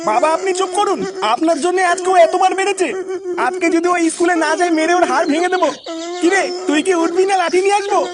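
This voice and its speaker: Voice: steady tone, a little fast, crowd noise. A performer voicing a strict, angry mother in a comic cartoon, scolding her son. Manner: scolding, shrill.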